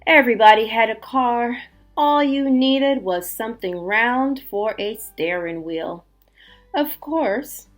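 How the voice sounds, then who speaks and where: A woman teacher with a mid-range voice reads a storybook aloud to children, expressive and emphatic, with little chatty asides.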